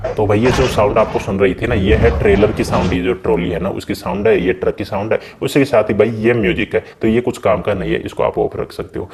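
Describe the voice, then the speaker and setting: A man's voice: lowish voice, fast talker, darkish tone, a little hiss or hum. A man hosting a gaming channel, casually walking viewers through a game's settings in a chatty way and often calling them brother. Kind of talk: casual game settings walkthrough.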